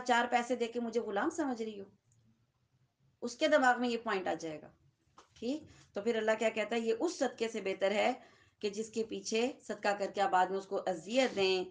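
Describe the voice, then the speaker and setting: A woman with a Pakistani Urdu accent teaches a Quran lesson in a room with listeners. Her voice sits a little high, and she keeps the talk conversational, often stopping to ask her audience short checking questions. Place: lecture room with seated listeners.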